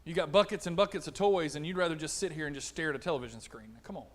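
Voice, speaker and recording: A middle-aged man preaching a conversational sermon, animated, acting out little exchanges. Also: a little high, very fast. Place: church auditorium.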